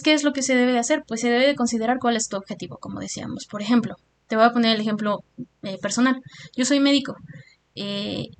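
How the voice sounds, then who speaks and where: A woman from Mexico, a physician, explaining language learning in a chatty, casual way with frequent fillers. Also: fairly high pitch. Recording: faint background hiss.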